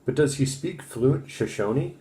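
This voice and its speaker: A man reading aloud and voicing a loud middle-aged French trapper with a heavy French accent, hearty and over-familiar. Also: medium pitch, lively intonation, unhurried, pitched above the performer's own voice, close to an everyday voice. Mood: placating.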